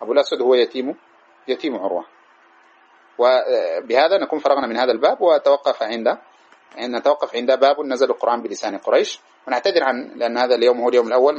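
Fast-talking husky man teaching. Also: medium pitch, lo-fi sound. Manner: retells narrations with quoted speech, lively storytelling. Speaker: hadith teacher. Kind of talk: religious lesson commentary. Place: live-streamed lesson session.

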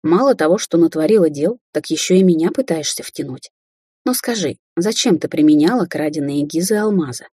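Woman voicing a sulky low-voiced mother witch, husky, storybook read. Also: animated, brisk, dark tone, no room sound, studio quality. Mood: grumbling. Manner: grumbling, defensive. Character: middle-aged woman sorceress, grumbling mother. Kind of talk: audiobook character voicing.

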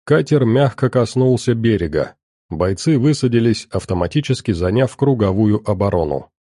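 A man giving steady scripted audiobook narration of an action story. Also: on the low side, normal speed, no room sound, studio quality.

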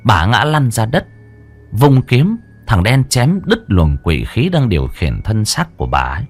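A man's voice: lowish voice, very animated, a little slow, breathy edge. A man narrating a ghost story with dramatic flair.

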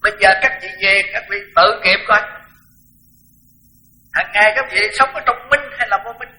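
An older monk preaches a sermon in a high, sharply bright voice. He talks frankly and bluntly, often repeating words to press a point. Soft music sits faintly behind him. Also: moderate pace, low-quality recording. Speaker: Buddhist monk teacher. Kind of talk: dharma talk sermon.

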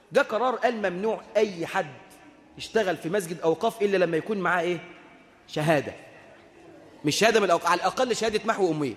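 Egyptian male preacher, high voice, rapid delivery, humorous storytelling, rhetorical questions. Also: long reverb tail. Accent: Egyptian Arabic. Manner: lively, humorous, asks the audience rhetorical questions. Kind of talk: sermon with storytelling.

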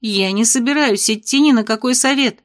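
Anxious grumbling young student read by a woman, slightly high voice, audiobook character. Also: moderate pace, close to an everyday voice.

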